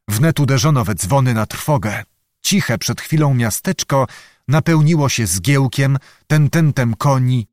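A man reads a historical adventure novel aloud in a measured, dramatic way, his voice sitting in an ordinary middle pitch. The recording is close and completely dry, with no room sound. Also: dry recording. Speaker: audiobook narrator. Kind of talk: scripted narration.

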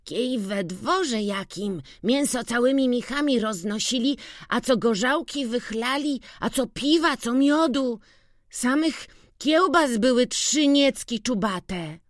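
A narrator doing an excited young village boy. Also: slow, no room sound, studio quality. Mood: chattering. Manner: excited, chattering, high.

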